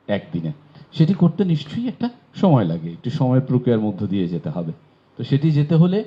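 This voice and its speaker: A man from Bangladesh teaching pronunciation in a classroom lecture, explaining patiently and asking rhetorical questions. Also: mid-range voice. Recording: dull lo-fi recording.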